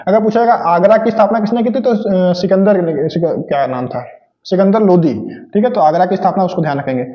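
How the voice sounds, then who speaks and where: A man's voice: high voice, brisk, roomy sound, muffled recording. A man teaching an exam-prep lesson in a casual style, asking questions and answering them himself and repeating key facts. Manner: informal, joking asides.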